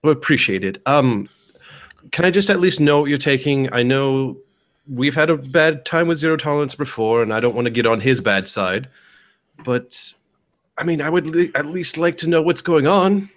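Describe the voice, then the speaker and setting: A man plays a villain character at a tabletop game table. He speaks in a middle pitch and talks casually. He often hesitates and restarts his sentences. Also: animated, moderate pace. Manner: hesitant, many fillers and restarts. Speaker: player. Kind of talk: casual tabletop role-play.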